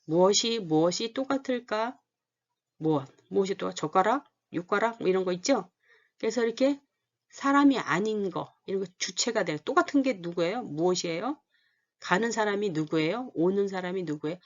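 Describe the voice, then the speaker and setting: A woman's voice: medium pitch, expressive, normal speed. A woman giving a lesson, explaining points and often asking the class questions, then answering them herself. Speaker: Korean language teacher. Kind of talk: explanatory lecture. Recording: dull lo-fi recording.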